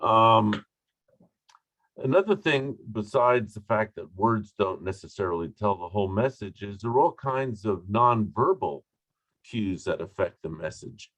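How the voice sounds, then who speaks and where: Man, online trainer, unhurried, lowish voice, emphatic with asides, video call audio. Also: animated, a bit bright, no echo, low-quality recording. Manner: deliberate, emphatic, with asides and fillers. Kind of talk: online training talk on communication.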